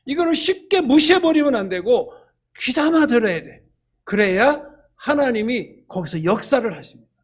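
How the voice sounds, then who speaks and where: An older man preaches with a high, husky voice. He tells stories animatedly and slips into quoted voices to act out dialogue. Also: sing-song, normal speed. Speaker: church elder preaching. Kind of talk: sermon.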